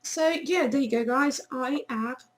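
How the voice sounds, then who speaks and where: A woman chatting casually to camera in a vlog, her voice hoarse and failing, blunt and swearing now and then. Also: high voice, unhurried, low-quality recording. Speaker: vlogger.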